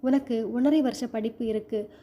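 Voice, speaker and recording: A woman's voice: fairly high pitch, fairly even intonation, moderate pace, muffled recording, lightly acted. A woman voicing a weary aging father who speaks in a tired, pleading way.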